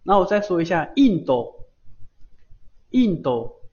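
A man's voice: sits high, big pitch swings, slow pace, mellow, lo-fi sound. A man teaching a beginner Japanese lesson on a live stream, patiently repeating words for students to echo.

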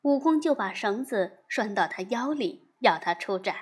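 A woman narrating a classic storybook tale in an expressive, measured way. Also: mid-range voice, husky.

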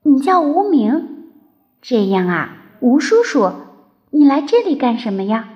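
A woman voicing a small crybaby baby dinosaur boy, speaking in a high, childlike, tearful voice for a storybook reading. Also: very animated, measured pace, darkish tone. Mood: sad, shy. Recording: dull lo-fi recording.

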